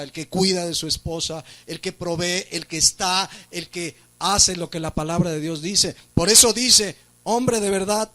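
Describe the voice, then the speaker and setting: A man's voice: high voice, a bit bright. A man with a Mexican Spanish accent preaching a church sermon as pastor, asking rhetorical questions and rising for emphasis.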